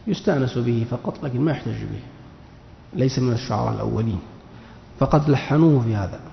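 A man teaching a classical Arabic grammar lesson. He reads a text aloud slowly, then explains it. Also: medium pitch, creaky, slight background noise. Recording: echoey hall, dull lo-fi sound.

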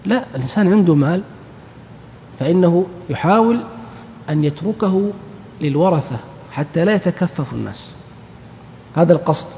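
A man's voice: on the high side, a little hiss or hum. A man giving a religious lesson on scripture, explaining patiently and quizzing his listeners. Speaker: teacher of Quran exegesis. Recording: dull recording with long reverb.

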